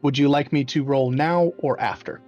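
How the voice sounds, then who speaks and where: A man's voice: medium pitch, steady tone, normal speed, a little mellow, muffled recording, soft background music. A man playing a tabletop game over a call, joking and swearing casually while explaining his rolls. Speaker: player.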